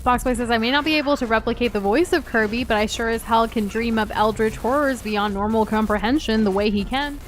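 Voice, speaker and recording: A woman's voice: on the high side, brisk, few pauses, slight background noise. A woman with a playful, giggly manner, chatting casually and reading viewer comments as co-host of a game livestream. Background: music.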